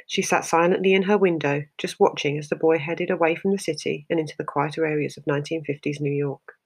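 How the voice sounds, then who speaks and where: A narrator reading a short story aloud in a steady, measured way. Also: medium pitch, gravelly.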